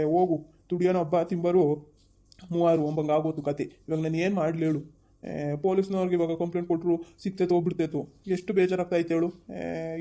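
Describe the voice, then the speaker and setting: A man's voice: a little high, warm tone, lightly acted. A man, playing a frustrated husband who scolds his wife after losing his savings in a village family drama. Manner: scolding, exasperated. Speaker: actor.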